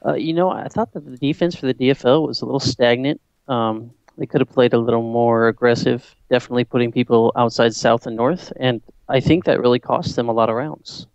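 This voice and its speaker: Calm male co-caster, smooth dry voice. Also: medium pitch, brisk, few pauses, no room sound, dull audio. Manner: calm, analytical remarks. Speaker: esports co-caster. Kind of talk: live color commentary.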